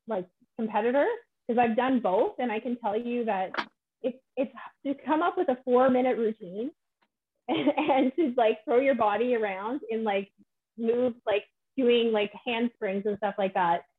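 A woman's voice: a little high, a little slow, husky. A woman in casual conversation, chatty and full of filler words. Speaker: guest, powerlifter and pole competitor. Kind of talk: casual podcast chat. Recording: tinny phone-like line.

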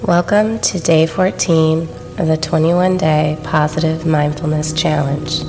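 Woman, soft meditation narration, very slow pace, low pitch, soothing, long pauses, prominent music and rain behind. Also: steady tone. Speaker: meditation guide. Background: relaxing music with rain.

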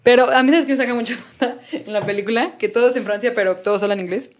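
A woman's voice: fairly high pitch, fast, noisy background. A young woman with a Mexican Spanish accent, hosting a podcast in casual chat, slangy, blunt and joking. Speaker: podcast host.

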